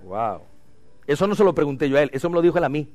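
A man preaching a sermon as pastor, swinging from loud cries to hushed lines. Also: a little high, lively intonation, quick pace, no echo, soft background music.

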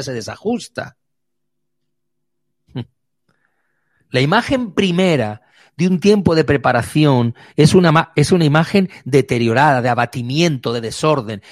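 A man preaching a sermon, vivid, moving between quick runs and slow emphatic words. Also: on the high side, slightly rough, no room sound, studio quality.

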